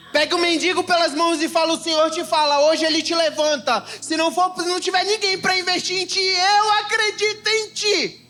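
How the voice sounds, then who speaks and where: A young Brazilian man preaching in church with a high, bright, ringing voice. He moves between fervent outbursts and hushed, confiding stretches. Soft music plays quietly behind him. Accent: Brazilian Portuguese. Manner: fervent, shifting between loud exclaiming and soft confiding, calls listeners "irmão". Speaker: evangelist preacher. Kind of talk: emotional sermon with personal testimony. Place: church service.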